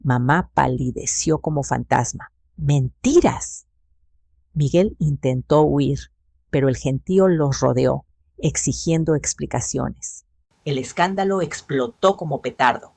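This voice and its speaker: A woman telling a dramatic first-person story in a steady, even narrating voice. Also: very deep voice, unhurried, creaky, no echo.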